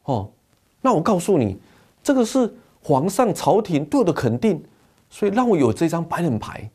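A man preaching and voicing a proud, quick-tempered old village man who lectures his visitor indignantly. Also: medium pitch, expressive, mellow, natural voice. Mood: angry.

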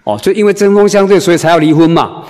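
A male preacher, telling a humorous story in a sermon in an animated, conversational way, full of "ah" and "oh" fillers. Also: high-pitched, fast, long reverb tail.

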